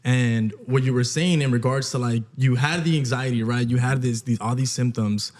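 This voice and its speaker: Young guy, normal pitch, thoughtful podcast talk, says right? constantly. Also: steady tone, normal speed, a little mellow. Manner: reflective, explaining with frequent "right?". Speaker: podcast co-host. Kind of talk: casual chat.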